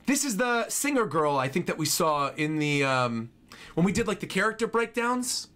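His voice is high-pitched, very animated and fairly bright, moving at a moderate pace. He's a young adult streamer in a small indoor home room, reacting to game trailers over their music with casual enthusiasm and frequent repeated phrases.

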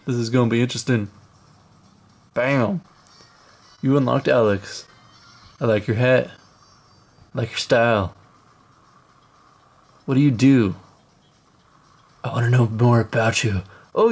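A man's voice: medium pitch, a little mellow. A man hosting his own channel, giving playful, jokey commentary over mobile gameplay and talking straight to viewers. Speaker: mobile game channel host.

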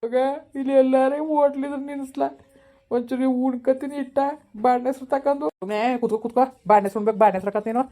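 Woman doing a whiny village man, high and rapid, pleading. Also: steady tone, dark tone, close to an everyday voice. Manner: whining, pleading, quick-tempered. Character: remorseful whiny village man, husband and father. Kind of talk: village comedy skit.

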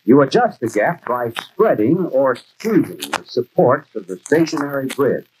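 Casting: instructive American shop expert, very varied pitch, 1940s educational film with soundtrack noise. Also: male voice, very animated, a little slow. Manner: didactic, clearly explanatory. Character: brisk, instructive male garage expert. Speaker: actor playing a garage instructor. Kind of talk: 1940s training film acting, scripted instruction.

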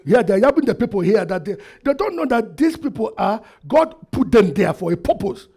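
A middle-aged man, preaching a sermon into a headset mic in a church hall, asking the congregation questions and swinging between loud and quiet. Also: high-pitched, big pitch swings, a little fast, breathy edge. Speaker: pastor. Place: church hall with projector screen, indoors.

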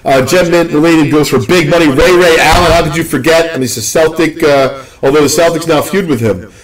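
A young man from the Northeast US hosting a live card-opening stream, rambling and joking with excitement. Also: on the high side, a little fast, crowd noise, poor audio. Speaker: card break host.

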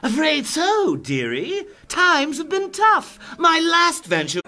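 A man's voice: extremely high pitch, huge pitch swings, takes it slowly, sharp tone, slight background noise, exaggerated voice. A man voicing a gleeful, menacing clown crime lord in a comic-book drama, theatrical, sardonic and taunting. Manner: theatrical, drawling, sardonic, cackling.

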